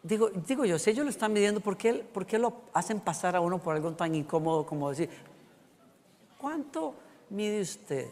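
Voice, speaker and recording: A man's voice: high-pitched, quick pace, few pauses, a little mellow, big-room sound, a little hiss or hum. A man preaching a sermon as a pastor, telling humorous stories to make his point.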